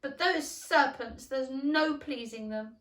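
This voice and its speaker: A woman voicing a flustered, indignant pigeon in a storybook, shrill, scolding and suspicious, complaining in exclamations. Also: slow, fairly bright tone. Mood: sobbing complaint. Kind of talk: storybook character reading. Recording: roomy, echoing room.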